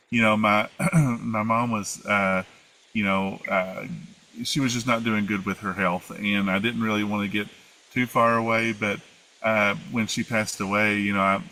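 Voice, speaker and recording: Appalachian guy telling stories in an interview, lowish bright voice, kinda rambly. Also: low-quality recording. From United States. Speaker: interview guest, former flight attendant. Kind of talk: casual conversational storytelling.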